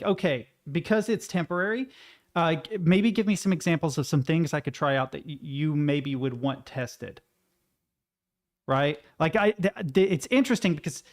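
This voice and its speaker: A man chatting casually on a livestream, thinking aloud with stammers, self-interruptions and some self-deprecating swearing. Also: a little high. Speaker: live streamer.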